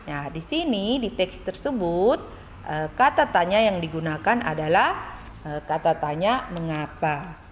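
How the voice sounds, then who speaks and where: A woman primary school teacher giving a recorded lesson to young children, speaking slowly and clearly with much repetition. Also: on the low side, in a large hall, a little hiss or hum. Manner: slow, clear, repetitive teaching voice with rising sing-song questions.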